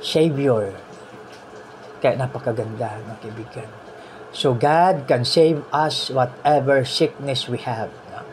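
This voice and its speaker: Guy preaching, tells stories, voice jumps way up when he quotes people, faint hiss behind. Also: slow pace. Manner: animated storytelling, voice rising high when quoting people; mixes English phrases into the preaching, frequent "no?" tags. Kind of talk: sermon.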